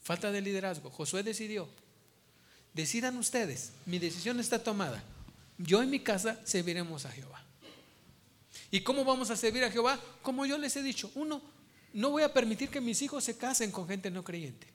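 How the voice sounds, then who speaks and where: A man's voice: high voice, lively intonation, normal speed. A man preaching a sermon as pastor, emphatic and repeating his key phrases.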